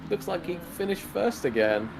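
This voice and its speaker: A man's voice: high-pitched, big pitch swings, normal speed, vocal fry, noisy background. A man commentating a sim race with chatty, laughing banter. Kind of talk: casual esports race commentary.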